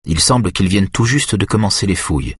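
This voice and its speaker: A man narrating an audiobook in an even, measured reading. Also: low-pitched, husky, no echo, clean studio sound.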